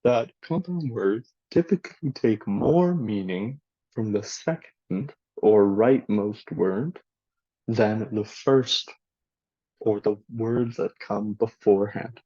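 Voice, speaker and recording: A man teaching a recorded lesson in an unhurried, deliberate way, pausing to read out example sentences. His voice is mellow and a little husky. The sound is dry and lo-fi. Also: fairly low pitch, no room sound. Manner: slow, deliberate teacher talk with spoken examples for the listener to repeat. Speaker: student presenter teaching a language lesson. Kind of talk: recorded classroom presentation.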